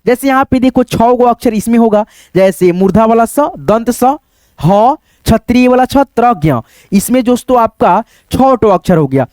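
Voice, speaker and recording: A man's voice: very high-pitched, animated, moderate pace, darkish tone, no room sound. A man teaching beginners at a board, patiently repeating and counting aloud.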